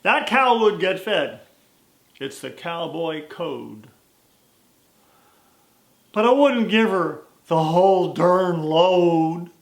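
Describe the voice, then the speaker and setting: A man playing a plainspoken, unflappable old cowboy from a story poem, with a drawn-out Western American drawl. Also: high voice, animated, vocal fry, reverberant, pitched above the performer's own voice, full character voice. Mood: dry, unfazed.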